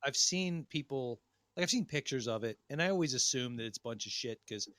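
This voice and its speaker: A man's voice: medium pitch, animated, fairly quick, a bit bright, no room sound. A man hosting a podcast in casual banter, rambling with restarts and crude jokes. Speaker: podcast host.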